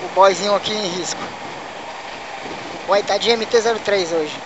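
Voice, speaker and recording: A man's voice: high-pitched, moderate pace, lo-fi sound. Brazilian guy from manaus talking slangy while riding his bike, helmet mic, lots of wind and engine noise. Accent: Manaus Brazilian Portuguese. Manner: chatty, slangy, chuckles to himself. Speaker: motovlogger. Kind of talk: casual riding commentary. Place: riding a motorcycle on city roads outdoors. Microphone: helmet or bike camera mic.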